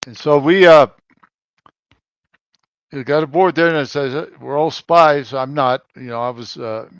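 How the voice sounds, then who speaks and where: A man in his seventies from Colorado, a navy veteran recounting his service in a halting way, with frequent pauses and loudness that rises and drops. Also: fairly high pitch, clean tone, dry recording, dull audio. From Colorado, United States. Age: 70s. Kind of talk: conversational interview answers.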